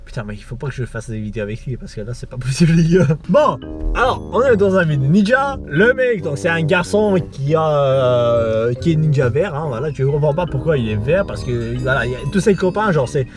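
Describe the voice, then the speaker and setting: Drunk, rambling man with swinging high pitch. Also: expressive, fairly quick, over music. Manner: drunk, rambling, losing the thread; slangy, profane, repetitive. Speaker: video host. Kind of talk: rambling casual film recap with a friend.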